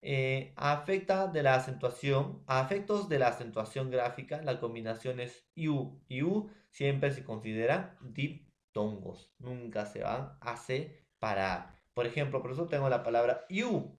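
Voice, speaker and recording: A man's voice: medium pitch, normal speed, few pauses. A man with a Peruvian Spanish accent teaching a recorded grammar lesson, often checking in with his students. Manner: addresses students as jóvenes, checks with ¿ya?.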